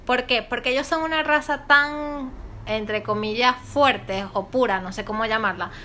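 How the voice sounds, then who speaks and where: A young Venezuelan woman with a light Andean accent talks in a high, bright voice. She chats casually, emphatic and full of slang, laughing easily. A faint hiss of noise sits behind her. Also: normal speed. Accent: Venezuelan Andean (gocho). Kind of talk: casual chat.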